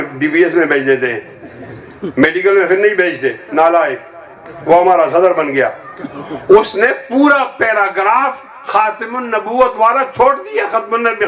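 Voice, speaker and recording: High-voiced man preaching a fiery sermon. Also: fairly bright tone, dull audio. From Pakistan. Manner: rousing, leads the crowd in chants; emphatic and combative.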